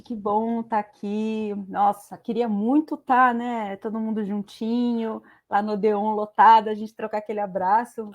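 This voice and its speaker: A woman's voice: mid-range voice, darkish tone, dull audio. A woman from Bahia, a film director, introducing herself casually on an online panel, chatty with small hesitations. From Bahia, Brazil. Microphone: video call.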